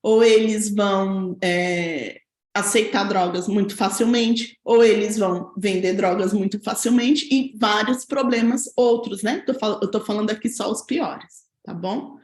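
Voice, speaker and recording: A woman's voice: medium pitch, steady tone, unhurried, roomy sound. A woman teaching a parenting lesson from home, explaining step by step and often checking in with tag questions. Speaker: parenting educator. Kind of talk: talking-head parenting lesson.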